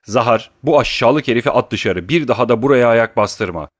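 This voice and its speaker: Oblomov, a man voicing an indignant idle gentleman. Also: lowish voice, expressive, fairly quick, no echo, studio quality. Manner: cold, indignant. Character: weary, idle gentleman roused to anger.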